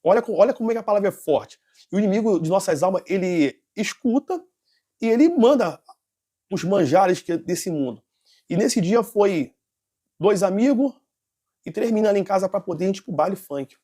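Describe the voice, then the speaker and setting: A man's voice: high voice, expressive, moderate pace, warm tone. A nervous man telling a personal testimony in an interview, rambling and correcting himself. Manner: rambling, with restarts and self-corrections. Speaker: interview guest giving a testimony.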